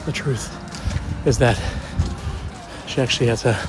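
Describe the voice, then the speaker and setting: A man's voice: medium pitch, unhurried, loud music behind the voice. A young man vlogging on a run outdoors, out of breath, joking loosely with lots of fillers. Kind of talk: casual vlog chat.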